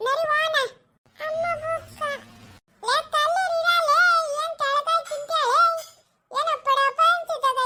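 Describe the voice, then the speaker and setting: A woman playing a sharp-tongued village woman who teases and scolds in a family drama. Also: very high-pitched.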